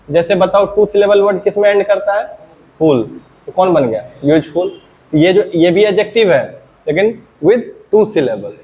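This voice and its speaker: A fairly high-pitched man teaching English grammar, talking his class through a lesson. He keeps posing questions and answering them himself, dropping lower on each answer. A faint hum of ambient noise sits behind him. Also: a little mellow. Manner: often checks understanding.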